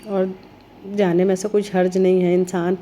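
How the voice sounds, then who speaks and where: Middle-aged woman vlogger, hoarse from a cold, dark flat voice, reflective rambling talk. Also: normal speed, slight background noise. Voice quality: heavy, low-sounding voice. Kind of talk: casual vlog talk.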